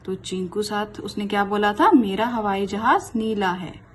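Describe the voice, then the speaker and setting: A woman teaching a primary school class, speaking slowly and patiently, often repeating words for young children. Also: medium pitch, slightly rough. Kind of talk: online class lesson.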